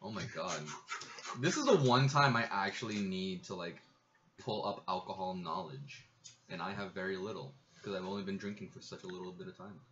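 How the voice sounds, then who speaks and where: A man's voice: low voice, fairly quick, a bit bright. A man playing a tabletop game, chatting casually, laughing and swearing. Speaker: player. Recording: muffled lo-fi stream audio.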